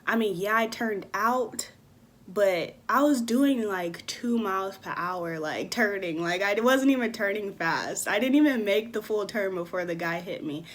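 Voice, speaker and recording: A young woman in her twenties tells a casual storytime to her phone camera. She talks in an animated way, slipping into the voices of the people in her story. Her pitch sits in an ordinary middle range for a woman. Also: a little slow. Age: 20s. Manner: animated, acts out quoted people. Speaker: vlogger.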